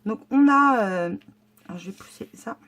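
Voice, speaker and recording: A woman's voice: fairly high pitch, expressive, normal speed, a bit bright. A woman chatting casually as she unboxes a monthly scrapbooking box, enthusiastic and hesitant, with many fillers and restarts. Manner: enthusiastic about the items. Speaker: scrapbooking vlogger.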